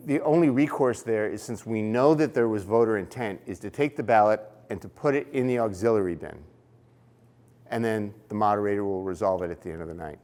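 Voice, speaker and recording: A man's voice: medium pitch, darkish tone. A man giving a casual, explanatory training talk for poll workers, with fillers and restarts. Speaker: election trainer.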